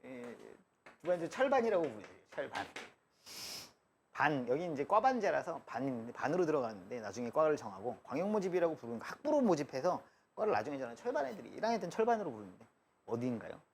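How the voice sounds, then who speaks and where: A man's voice: on the high side, very animated, fast, creaky, a little hiss or hum. A man teaching math in a live classroom lecture, chatty and joking, drifting between asides and explanation. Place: lecture room.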